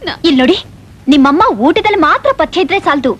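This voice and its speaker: A sharp-tongued young wife. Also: female voice, very high-pitched, lively intonation. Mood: tart. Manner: quick, cutting retorts. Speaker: wife of the elder brother. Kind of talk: film drama dialogue.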